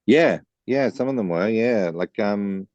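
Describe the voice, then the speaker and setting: A man with a very low, mellow bass-baritone voice tells stories in an easygoing interview, full of fillers and restarts. The sound is dry and a little dull, like a lo-fi recording. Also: expressive, unhurried, no echo. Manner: chatty, storytelling with many fillers. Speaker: guest songwriter. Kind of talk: casual interview chat.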